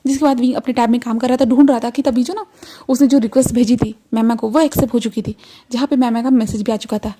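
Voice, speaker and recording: A woman's voice: a little high, fairly even intonation, fast talker, noisy background. A woman casually retelling a fan fiction story, conversational and full of fillers.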